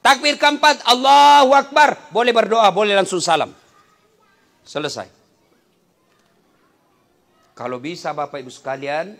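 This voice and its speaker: A man preaching with a high, lively voice. He jokes and acts out scenes as he goes, with sudden loud calls. The sermon has a warm, humorous feel. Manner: animated, jokes and acts out scenes, shouts takbir.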